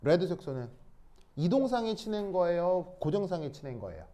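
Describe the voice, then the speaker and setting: High, lively-voiced male chemistry teacher. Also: brisk. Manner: checks understanding with repeated questions; casual, mixes in English words. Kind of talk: classroom lecture.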